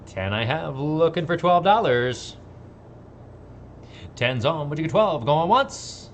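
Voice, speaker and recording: A man's voice: fairly high pitch, expressive, takes it slowly, slight background noise. A man calling a live auction as auctioneer, chanting numbers in a rhythmic, repetitive patter. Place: auction gallery room, livestream.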